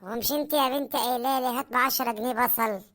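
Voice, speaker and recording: A fast-talking cartoon husband, voiced by a woman grumbles about prices and pleads for a proper meal in Egyptian Arabic. The voice sits fairly high and the delivery is whiny and complaining. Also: fairly bright tone, natural voice. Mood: grumbling. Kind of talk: cartoon comedy voice acting.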